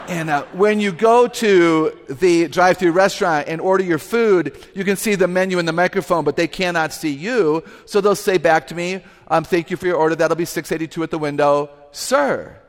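Speaking into a microphone on a stage, a woman author whose voice is unusually low entertains a live audience as a guest speaker. Her delivery is lively, funny and emphatic, with moments of laughing at herself, all carried on long hall reverb.

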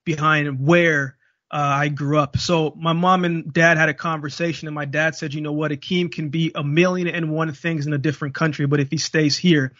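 A man's voice: on the high side, little pitch movement, normal speed, a bit bright, dry recording, lo-fi sound. A young man from Jamaica, a guest speaker, telling his life story and acting out the dialogue. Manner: vivid storyteller, acts out dialogue. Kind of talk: storytelling interview.

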